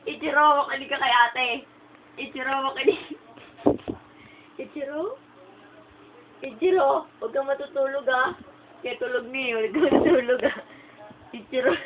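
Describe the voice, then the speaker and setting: A woman's voice: sits high, normal speed, long pauses. A woman in a casual home video, playful and teasing, laughing often. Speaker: vlogger. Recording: tinny phone-like sound, faint noise.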